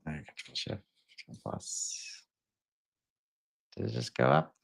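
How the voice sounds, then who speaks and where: A man co-hosting a podcast, talking casually and hesitantly with many fillers. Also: a little slow. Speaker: podcast co-host.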